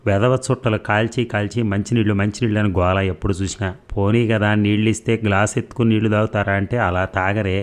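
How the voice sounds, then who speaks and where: A man's voice: on the low side, steady tone, fast, hardly any pauses, lightly acted. A man reading a grumbling young wife. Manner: grumbling, scolding. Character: sharp-tongued young woman, grumbling.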